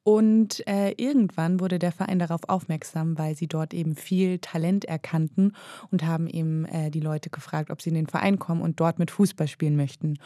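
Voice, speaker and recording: Woman reporter, podcast, mellow and a bit low, explains fluently, dead dry recording. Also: steady tone, normal speed, no echo. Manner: fluent, explanatory, with occasional "äh" fillers. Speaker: reporter and documentary filmmaker. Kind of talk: podcast conversation and narration.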